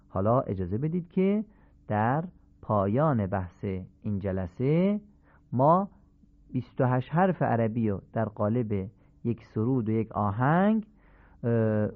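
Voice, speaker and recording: Male teacher, lively up-and-down delivery, patient and repetitive, tinny phone-quality sound. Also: mid-range voice. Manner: patient, drills examples one by one with repetition. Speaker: Quran recitation teacher. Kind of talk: classroom lesson.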